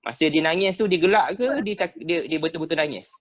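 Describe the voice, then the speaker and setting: A Malaysian man with a Malay accent teaching sales skills in an online class over a video call, animated and dropping "ha" between phrases. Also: on the high side, fast. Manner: animated, peppered with "ha" and rhetorical checks. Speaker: sales trainer.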